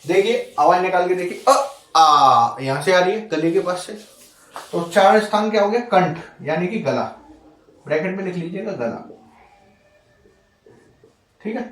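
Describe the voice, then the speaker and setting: High-voiced man teaching in an echoey room. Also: normal speed, pauses often, far from the mic. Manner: repetitive, checking in often with rhetorical questions. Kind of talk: Hindi grammar lesson. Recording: roomy echo.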